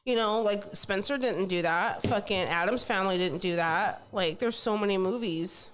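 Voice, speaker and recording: A woman's voice: medium pitch, moderate pace, rough recording. A woman chatting informally as a podcast co-host, with lots of "like" and some swearing. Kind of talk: casual chat.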